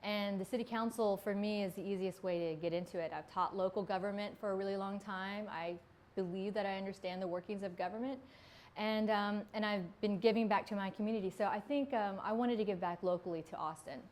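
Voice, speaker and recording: A woman's voice: mid-range voice, steady tone, a little fast, darkish tone, a little hiss or hum. A woman in her forties from Vietnam, a city council candidate talking earnestly in an interview, with plenty of ums. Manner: earnest, conversational, with frequent ums.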